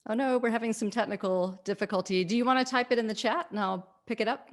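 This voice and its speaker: A woman's voice: on the high side, quick pace. A woman hosting an online event, reading audience questions from the chat in a friendly manner. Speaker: event host and moderator. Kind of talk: moderating a live online Q&A. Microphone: video call.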